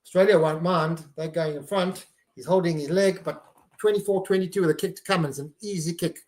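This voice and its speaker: A man's voice: fairly high pitch, steady tone, brisk, darkish tone, reverberant. A man hosting a live stream, giving casual running commentary on a match and reacting to each play.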